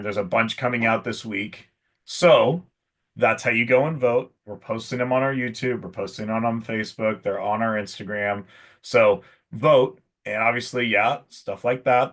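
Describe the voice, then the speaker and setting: A man's voice: lowish voice, a bit bright. A man hosting a casual live stream for a shop, talking in a chatty, salesy way with lots of fillers. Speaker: pro shop host.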